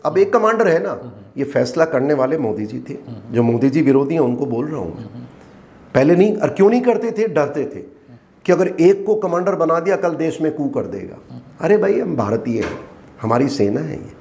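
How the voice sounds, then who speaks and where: A middle-aged man, a retired army colonel, speaks as an interview guest with a fairly high voice. He argues emphatically and often turns to rhetorical questions, pressing each point hard. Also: very animated, moderate pace, vocal fry, a little mellow. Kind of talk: interview, explaining.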